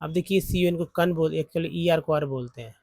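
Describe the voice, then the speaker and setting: A man teaching English phonics from slides, explaining word parts slowly. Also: fairly high pitch, vocal fry, darkish tone, dry recording. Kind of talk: slide-based phonics lesson.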